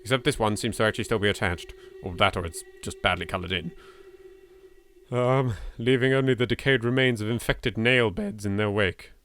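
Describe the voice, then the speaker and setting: An English let's player from England reads game text dramatically and peppers his commentary with sweary, jittery, sardonic asides. His lowish voice is a bit bright and moves a little fast.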